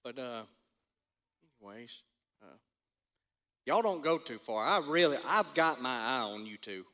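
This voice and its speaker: A man's voice: medium pitch, animated, unhurried, bright, forceful tone. A man in a church drama playing a watchful town marshal with a folksy drawl. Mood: suspicious. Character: suspicious small-town male marshal.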